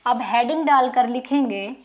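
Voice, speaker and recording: A woman teacher with a voice on the high side gives a slow, dictation-style lesson. She repeats each word so her pupils can take notes and asks them questions. The recording is muffled and lo-fi.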